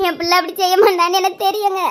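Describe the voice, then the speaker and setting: Woman playing a worried mother, very high voice, pleading, tearful. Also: flat delivery, rapid-fire, a bit bright. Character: anxious village mother, fretting over her son.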